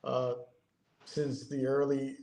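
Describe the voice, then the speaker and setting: A man in his fifties from Connecticut, a guest talking in a casual, halting way, with many ums and restarts. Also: mid-range voice, monotone, dark tone, reverberant, low-quality recording. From Connecticut, USA. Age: 50s. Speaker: guest, airbrush artist. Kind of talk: casual interview chat.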